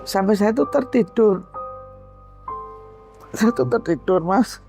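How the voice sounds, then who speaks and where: A middle-aged Javanese woman tells a deeply personal story, her voice gravelly and mellow. She sounds earnest and close to tears. Soft music plays faintly behind her. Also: expressive, takes it slowly. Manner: tearful, earnest, addresses listener as Mas. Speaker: storytelling guest. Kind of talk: emotional personal account.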